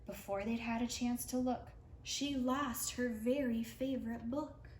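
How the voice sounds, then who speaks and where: With a fairly high, somewhat dark voice, a woman reads a rhyming picture book to preschoolers, her tone steady and her pace a little slow. She reads with expression as a storyteller for young children. The room sounds spacious, with a faint hiss of background noise.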